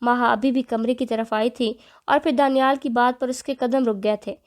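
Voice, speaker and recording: A woman narrating an audio novel with steady storytelling delivery. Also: on the high side.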